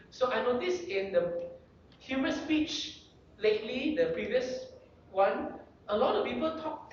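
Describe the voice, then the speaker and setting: Lively guest speaker, coaching style, rhetorical checklist questions, voice swinging up and down, heavy room echo. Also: medium pitch, a little hiss or hum. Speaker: guest speaker giving public speaking tips. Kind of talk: motivational speaking workshop talk. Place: club meeting room. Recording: very echoey room, distant dull lo-fi mic.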